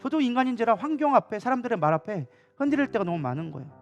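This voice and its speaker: A man's voice: very high voice, very animated, rapid-fire, muffled recording, faint music behind. A male pastor preaching a sermon to his church in a passionate, conversational way. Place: church sanctuary during a Wednesday evening service.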